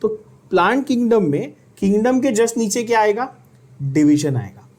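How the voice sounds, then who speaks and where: A man's voice: high voice, animated, moderate pace, darkish tone. A man teaching biology for an exam, asking questions and having students repeat terms. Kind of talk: exam-prep lecture.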